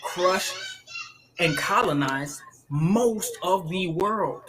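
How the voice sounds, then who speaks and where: A man co-hosting a live podcast, ranting in an animated way with frequent laughter and many restarts. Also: high voice, drawn-out words, noisy background. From United States. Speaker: podcast co-host.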